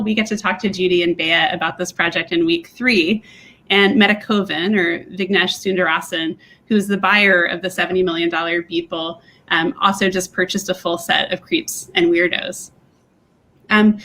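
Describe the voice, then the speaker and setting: A woman co-hosting an online talk, walking listeners through a timeline in a conversational, explanatory way with frequent ums. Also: lowish voice. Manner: conversational, with frequent fillers, steady explanatory pace. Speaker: co-host of a museum talk series. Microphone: video call.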